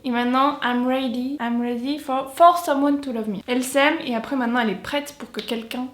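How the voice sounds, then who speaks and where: French girl reacting to a song, high voice, kinda hesitant, roomy echo. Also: steady tone, brisk. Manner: chatty, thinks aloud, hesitant. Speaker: music video reactor. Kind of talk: casual reaction and translation.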